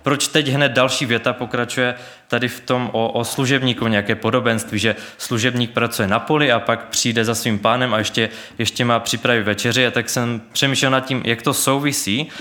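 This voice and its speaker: A man's voice: medium pitch, steady tone, sharp tone. A man preaching a sermon in an earnest, searching way, with many restarts and fillers, and reading Bible verses aloud.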